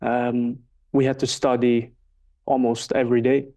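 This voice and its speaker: In an unhurried, dark mid-range voice with little pitch movement, a young Swiss interview guest considers each question carefully. He is in his twenties, works as a market researcher, speaks Swiss German natively, and fills the casual talk with fillers.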